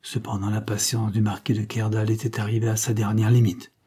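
A man narrating an old novel in a measured, dramatic audiobook reading. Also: lowish voice, flat delivery, mellow, husky.

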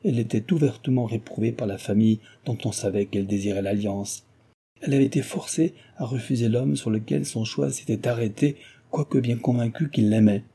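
A man narrating a classic novel as an audiobook, in a measured, even storytelling manner. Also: medium pitch, husky. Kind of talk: literary audiobook reading.

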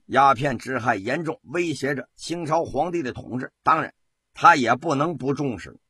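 A man telling a traditional story on the radio with dramatic, rhythmic delivery and drawn-out particles. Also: medium pitch, pushed and bright, slightly rough. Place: radio studio.

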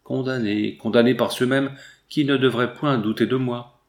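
A man's voice: medium pitch, steady tone, moderate pace, lightly acted. A man voicing a wronged young woman who pleads earnestly and insists on her innocence, in a storybook reading. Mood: distressed. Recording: roomy echo.

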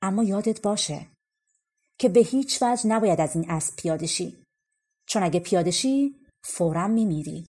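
A calm, knowing old man of a folk tale, read by a woman, giving grave warnings in a matter-of-fact way. The voice is warm and mellow with a breathy edge. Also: medium pitch.

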